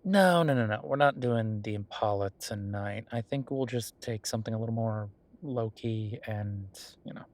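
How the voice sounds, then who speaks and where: Voicing a friendly young billionaire who pokes fun at himself, a man rambles informally and playfully defends himself to the listener in a casual, intimate audio roleplay. His voice is on the low side and close to everyday, at normal speed with few pauses.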